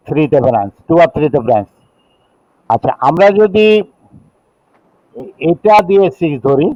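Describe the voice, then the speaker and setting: In a classroom chemistry lecture, a Bangladeshi-accented middle-aged man with a slightly high voice works step by step, slowly reading rules in English before explaining in Bengali, counting aloud and checking on his students. The sound is dry and dull with a lo-fi, warm tone and no room sound.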